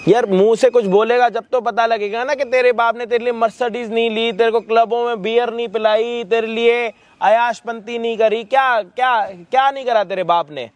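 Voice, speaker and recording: A man's voice: extremely high pitch, steady tone, normal speed, few pauses. A male host staging a street confrontation, scolding and mocking with abusive words.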